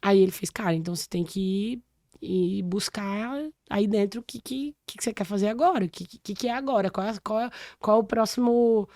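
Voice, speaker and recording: A woman in her forties, originally from Salvador in Brazil, speaks as a guest on a podcast and tells a personal story in a lively, conversational way. She often breaks off mid-phrase and starts again. Her voice is recorded close to the mic in a dry room. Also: mid-range voice, fairly quick, no echo. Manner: animated storytelling with many restarts. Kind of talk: casual interview chat.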